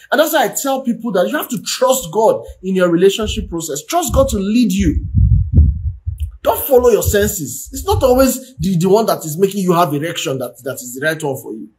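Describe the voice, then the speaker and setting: A man giving marriage advice on a livestream as a relationship coach. He preaches and keeps repeating phrases and checking in with his listeners. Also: high-pitched. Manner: preachy, repeats phrases, asks "do you understand?".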